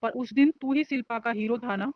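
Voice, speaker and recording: A woman's voice: fairly high pitch, a little fast, muffled recording, a little hiss or hum, close to an everyday voice. A woman voicing a nosy, teasing young male college student in a storybook reading. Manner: joking, nosy banter.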